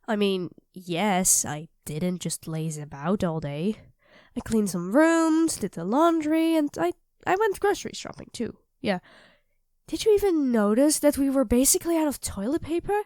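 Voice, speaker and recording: In an intimate ASMR roleplay audio drama, a woman voices an affectionate, teasing young live-in girlfriend cooking dinner. Her high, natural-sounding voice is recorded close and dry with no room sound, at a moderate pace. The mood is doting, playful and chatty, full of expressive teasing turns of phrase.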